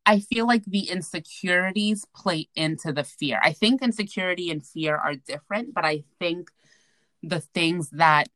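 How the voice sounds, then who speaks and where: A woman co-hosts a casual podcast chat and tells her stories in a loose, rambling way full of little fillers. Her voice sits low but sounds bright and forward. The recording is dry and close. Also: moderate pace, dry recording. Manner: chatty, rambling storyteller with many fillers. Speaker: podcast co-host.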